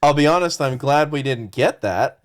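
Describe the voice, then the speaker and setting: A man's voice: medium pitch, animated, moderate pace, no room sound, studio quality. Male podcast co-host, mid-range voice, understated and wry. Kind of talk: casual chat.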